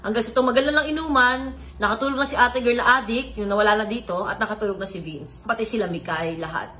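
A woman's voice: a little high, fast talker, bright, forceful tone, a little hiss or hum. A woman vlogger earnestly telling a confessional story, mixing Tagalog with English phrases. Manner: earnest, retelling events in mixed Tagalog and English.

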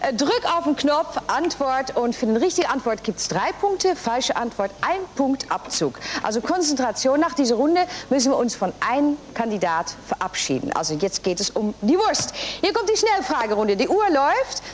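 High lively woman hosting a quiz show. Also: slight background noise. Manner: brisk, chatty quizmaster who reads questions and announces scores. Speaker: game show host. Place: TV game show studio. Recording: music and audience in the studio. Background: studio music and audience.

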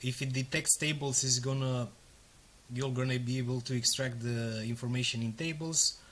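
At his desk, a software demo presenter, a Romanian man in his thirties speaking his native tongue's accent, records a screen walkthrough. His middle-pitched voice is bright and forceful, with fairly even intonation and a moderate pace, and he goes step by step casually, using plenty of fillers.

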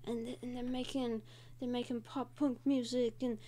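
Young woman host, fairly high voice, rambling casual chatter full of fillers, with faint background noise. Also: flat delivery, moderate pace, dark tone. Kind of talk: casual draw-and-talk commentary.

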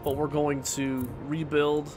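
This gaming streamer, a young man on a headset, is slightly high-voiced and monotone, taking it slowly. He sniffles a bit from a cold while chatting casually and talking to himself as he builds in a city-building let's-play. Game music runs behind him.

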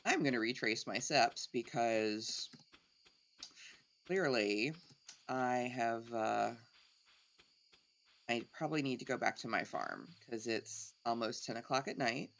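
A woman's voice: rumbling low, slow pace, gravelly, pauses often. A middle-aged woman giving casual let's play commentary, thinking aloud as she plays.

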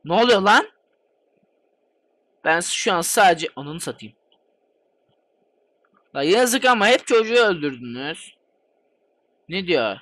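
Excitable high-voiced man, swearing gamer. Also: unhurried, pauses often, no room sound. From Turkey. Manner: excitable, swears constantly, chatty. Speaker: gaming channel host. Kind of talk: let's play commentary.

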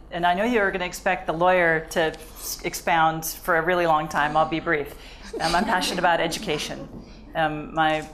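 Older female panelist from California, deep voice, earnest and hesitant. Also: fairly bright tone, a little hiss or hum. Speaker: panelist, company lawyer. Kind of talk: panel discussion. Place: indoor conference stage.

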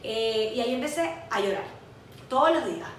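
A young Venezuelan-accented woman with a high voice, telling a personal story in a lively, self-mocking way on a casual podcast. The mic sits far off in a very echoey room with faint hiss. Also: a little fast. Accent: Venezuelan Spanish. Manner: animated storytelling, laughing at herself. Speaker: podcast co-host. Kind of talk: casual chat.

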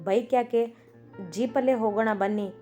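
A woman reading the lines of a shy, considerate young husband who answers quickly and politely. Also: fairly high pitch, fairly even intonation, dark tone, faint music behind, natural voice.

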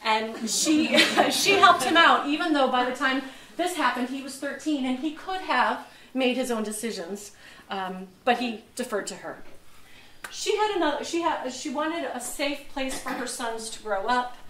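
A woman's voice: high voice, lively intonation, unhurried, bright, forceful tone, a little hiss or hum. A woman museum docent giving a casual history talk to a small group, chatty and self-mocking, sometimes searching for a word. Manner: chatty, laughs at herself, loses words. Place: museum lecture room. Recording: echoey room, mic far off.

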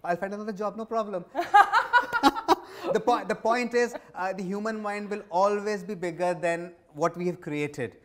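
A man in his forties with an Indian accent speaks in a high, steady voice at a normal pace. He answers interview questions conversationally as a business executive, repeating points for emphasis. The clip was recorded on a lapel mic in an indoor office lounge set.

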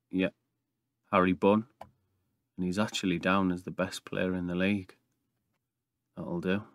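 Low-voiced, even man gaming in an attic. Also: no room sound. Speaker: YouTube gaming host. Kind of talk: casual game commentary. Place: small brick-walled attic room.

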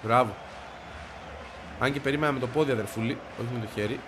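A man with a stuffy, congested voice giving excited commentary as he plays a football video game, shouting and grumbling at the match. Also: medium pitch, noisy background. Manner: shouts and yelps at the game, frustrated outbursts. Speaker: gaming video creator.

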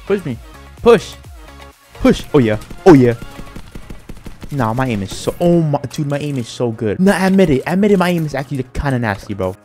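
A male gaming YouTuber giving excitable, slang-heavy live commentary while he plays. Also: a little high, normal speed, long pauses, faint music behind. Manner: excitable, slangy, says "bro" constantly.

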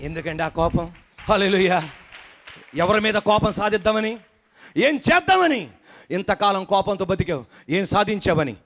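A man's voice: sits high, big pitch swings, normal speed, a bit bright. A man preaching a sermon to a church congregation, emphatic, firing questions and coaxing the listeners to respond. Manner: coaxes the congregation to repeat and smile. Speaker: pastor. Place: church hall before a congregation.

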